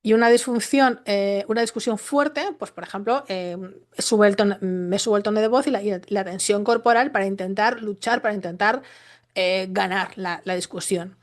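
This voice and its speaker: A woman's voice: mid-range voice, moderate pace. A woman with a Spain Spanish accent explaining a topic in an unscripted talk, often restarting her sentences and asking rhetorical questions. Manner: explains with rhetorical questions and frequent tag checks; restarts and self-corrections mid-sentence. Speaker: educator.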